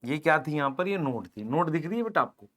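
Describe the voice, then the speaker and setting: High-voiced Hindi biology teacher. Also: male voice, very animated, fast, fairly bright tone. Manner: asks the class questions and answers them himself, calls students beta; explains while drawing on a board, points with "idhar dekho". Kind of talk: online exam-prep lecture, Hindi mixed with English terms.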